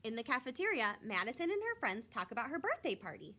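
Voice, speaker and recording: Bright, animated woman reading a children's story. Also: a little high, fast talker. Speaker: teacher reading a picture book aloud.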